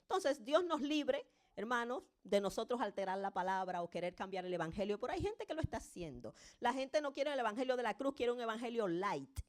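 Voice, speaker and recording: A woman preaching with fervent conviction, her voice sitting a little higher than most. She swells to emphatic peaks, then drops low and slow to press a point home, and she speaks straight to her listeners as brothers and sisters. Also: expressive. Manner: addresses the congregation directly as brothers. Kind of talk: sermon.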